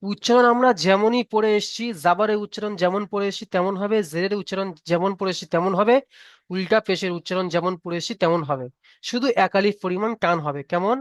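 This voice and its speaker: A man with a high voice teaches an online class, patient and methodical, repeating each rule slowly. His voice sounds smooth and resonant. The recording is close and dry. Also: dry recording. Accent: Bengali. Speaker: online Quran reading teacher. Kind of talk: live online class lesson.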